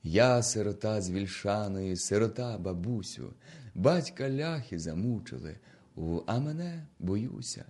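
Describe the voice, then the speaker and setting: A man voicing a frightened young orphan woman who speaks in a soft, plaintive, hushed way. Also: lowish voice, expressive, measured pace. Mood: grieving.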